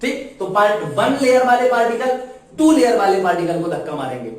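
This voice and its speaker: A man's voice: high-pitched, animated, a little fast, darkish tone. A man teaching a physics lecture, often asking the class check questions and repeating key terms for the students to echo back. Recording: very echoey room, voice far from mic.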